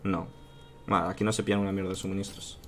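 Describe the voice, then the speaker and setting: A man with a Spanish accent from Spain giving casual commentary while playing a strategy game, chatting to his viewers and thinking out loud. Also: low voice, level tone, fast, a little hiss or hum. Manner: chatty, thinks aloud, addresses viewers as "chicos" and "tío". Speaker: gaming youtuber.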